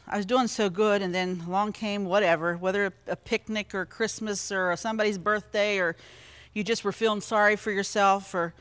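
A woman's voice: medium pitch, fairly bright tone. A woman hosts a television cooking demonstration from a studio kitchen. She talks right to the viewer in a chatty, encouraging way. She explains every step as she goes. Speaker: cooking show host.

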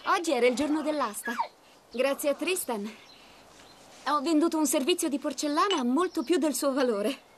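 A woman's voice: high-pitched, normal speed, slight background noise, close to an everyday voice. An actress in her twenties playing an earnest young saleswoman in a dubbed TV drama. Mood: candid, disgruntled. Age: 20s. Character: earnest young woman working in antiques sales.

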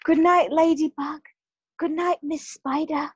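Storybook boy, very high and polite. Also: fairly even intonation, a little slow, dry recording, lo-fi sound. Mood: sleepy. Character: young boy, polite and wondering.

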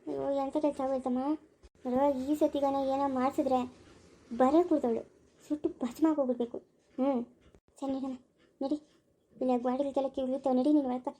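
Grumbling, scheming village mother-in-law, a woman voicing her, high-pitched and fast, in a rural Kannada accent, muttering low. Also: completely flat delivery, mellow, lightly acted. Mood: muttering scheme. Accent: rural Chikkaballapura Kannada. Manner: low muttering, plotting under breath. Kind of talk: family skit.

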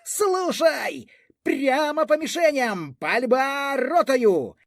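A man voicing a frightened young army officer who barks orders in a frantic, shrill yell. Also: big pitch swings, a little slow, breathy edge, full character voice. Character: panicked young army officer barking commands.

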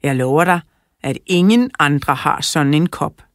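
A woman reading the lines of a gruff old bearded junkman in a children's audiobook, calm and quietly persuasive. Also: deep voice, dry recording, clean studio sound.

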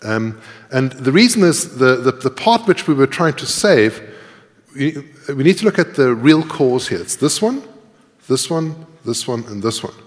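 A middle-aged conference speaker gives a live coding lecture in a large tiered hall, explaining and thinking aloud as he types. His voice is medium in pitch with big swings, and his pace is measured. The hall is echoey, with a long reverb.

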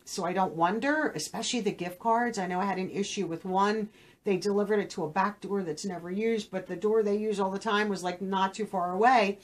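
A woman hosting a beauty unboxing channel, talking straight to camera in a casual, rambling and frank way. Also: medium pitch. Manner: chatty, rambling, frank with viewers. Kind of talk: casual direct-to-camera chat.

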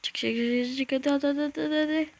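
A woman hosting a gaming channel, giving casual let's-play commentary in short, excitable bursts with slangy exclamations and mild curses. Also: sits high, fast talker, dull audio. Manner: talks to self while playing, short bursts.

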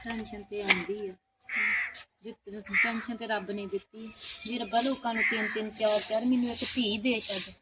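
A woman's voice: mid-range voice, fairly even intonation, lightly acted. A woman playing a childless village woman, pleading. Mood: wistful. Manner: pleading, halting, soft-spoken. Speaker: sister-in-law's visitor. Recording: loud background noise, crows cawing.

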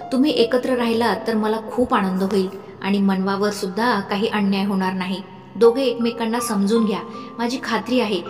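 A woman plays an older mother figure in an audiobook story, coaxing and firm by turns. The delivery is slow and deliberate. The voice echoes in a reverberant room with faint music underneath. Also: mid-range voice, close to an everyday voice. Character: older mother figure, fond but insistent. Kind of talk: audiobook narration.

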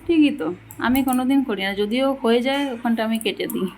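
A woman with a fairly high voice talks through a casual home vlog. She coaxes and urges a child over and over. She keeps her voice down on purpose, with a faint hum of noise behind her. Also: quick pace, darkish tone. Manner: coaxing, repetitive urging while feeding a child. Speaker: vlogger and mother.

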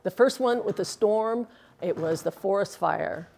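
Recorded on a lapel mic inside a bowling alley with slight background noise, a woman in her sixties who once bowled professionally gives earnest, casual interview answers full of filler words. She has a mid-range, creaky, darkish voice and a measured pace.

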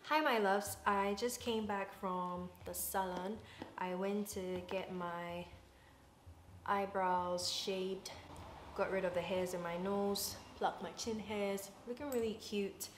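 A Ghanaian woman in her twenties vlogs from rooms at home, chatting casually to camera in an affectionate, talkative way. Her medium-pitched voice is steady and slow, with slight background noise, echoey rooms, and a music bed.

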